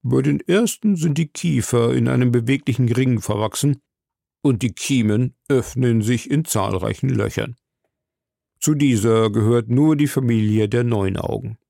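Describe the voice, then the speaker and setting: Gravelly-voiced man reading a story. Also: medium pitch, moderate pace, dark tone, dry recording, studio quality. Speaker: audiobook narrator. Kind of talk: scripted narration.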